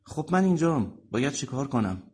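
A man's voice: medium pitch, animated, darkish tone, husky, voice pushed up. A man voicing a hesitant, questioning man in an audiobook reading. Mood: uneasy. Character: uneasy young man summoned for a trip.

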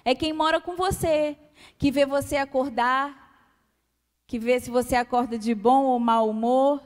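A woman with a Brazilian Portuguese accent giving a calm, soft-spoken testimony sermon to a church. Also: high-pitched, unhurried. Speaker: church speaker. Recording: long hall reverb.

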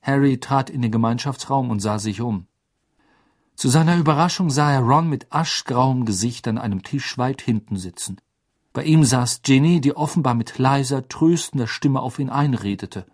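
A man reading a storybook aloud as narrator, with expressive storytelling. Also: mid-range voice, moderate pace. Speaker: audiobook reader. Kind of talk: scripted narration.

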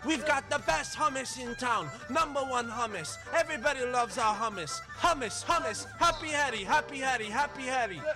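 A man voicing a cheesy hummus shop owner in a mock radio ad, with a sing-song hard-sell pitch. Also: normal speed, few pauses, music in the background. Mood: salesy. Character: over-eager hummus shop owner doing a radio jingle.

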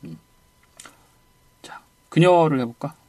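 A man's voice: fairly high pitch, lively intonation, dark tone, no room sound. A man teaching an English conversation lesson, prompting his student with short cues and asking for repeats. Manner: brisk prompting, repeats "one more time". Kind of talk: audio lesson drills.

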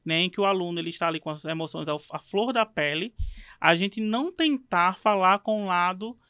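A man's voice: high-pitched, brisk, bright, forceful tone, clean tone, no echo, clean studio sound. A man hosting a podcast, thinking aloud in a reflective way with many fillers. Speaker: podcast host. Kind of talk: podcast conversation.

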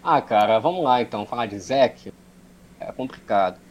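A man's voice: mid-range voice, expressive, moderate pace, dull audio. A man chatting casually about games, rambling with many fillers. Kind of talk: casual gaming chat.

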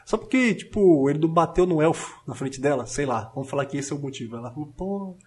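A man with a slangy, animated way of talking, co-hosting a casual podcast chat with frequent restarts. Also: fairly high pitch, quick pace. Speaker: podcast co-host.

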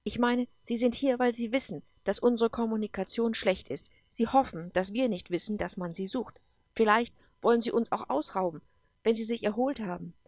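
A woman's voice: fairly high pitch, normal speed, darkish tone, no room sound. Woman reading an eager adventurous woman. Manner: eager, explaining.

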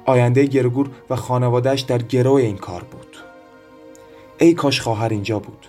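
A man narrating a literary audiobook in a measured, even storytelling manner. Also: mid-range voice. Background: soft background music.

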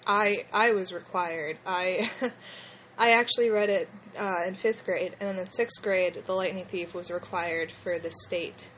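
A woman's voice: fairly low pitch, steady tone, unhurried, a bit bright, lo-fi sound, slight background noise. A woman with a slushy lisp hosting a casual fan discussion in a hesitant, rambling way. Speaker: podcast host.

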